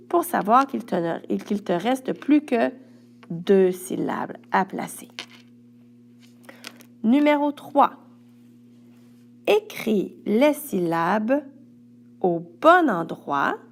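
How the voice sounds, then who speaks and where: A woman teacher with a Quebec French accent records worksheet instructions for a child. She speaks slowly and patiently, one step at a time. Her voice has a gravelly, creaky texture. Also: medium pitch. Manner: patient, speaks directly to a young pupil step by step.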